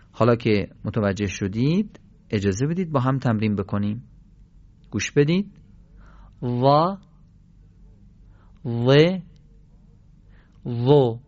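A man's voice: medium pitch, darkish tone, no room sound, dull audio. A man teaching Quran pronunciation on a radio program, explaining sounds patiently and repeating them for drills. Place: radio studio.

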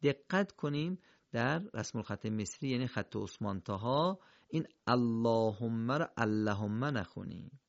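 Gravelly-voiced male recitation teacher. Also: mid-range voice, expressive, no room sound. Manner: methodical, models pronunciations slowly. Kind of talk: recorded lesson. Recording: dull lo-fi recording.

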